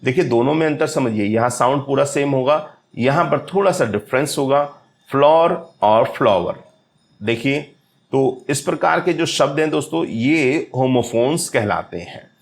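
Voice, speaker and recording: A man teaching literary terms to exam students, often calling his viewers friends and reading English definitions out slowly. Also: medium pitch, vocal fry.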